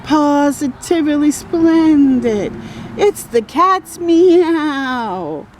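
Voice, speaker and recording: A children's storyteller reads a picture book aloud extremely slowly, her high-pitched, darkish voice full of lively intonation. She exclaims, draws out key words and adds encouraging little asides for her young audience. Slight background noise is audible.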